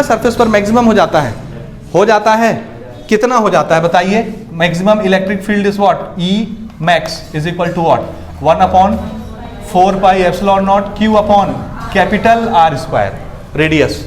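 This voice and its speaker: A man teaches physics in a classroom lecture. He asks his students again and again whether they understood, then gives the one-word answer himself in a lower, quieter voice. A faint hum of room noise sits under the recording. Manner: drops low and soft on one-word answers.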